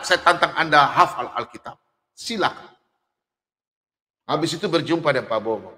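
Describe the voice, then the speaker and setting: A middle-aged man preaching a sermon in an animated way, laughing and at times shouting. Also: on the high side. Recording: long hall reverb.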